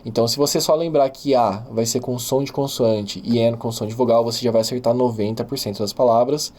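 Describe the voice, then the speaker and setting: A man whose first language is Portuguese, teaching a beginner English lesson and patiently repeating each example word slowly. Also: mid-range voice, fairly even intonation, a little mellow.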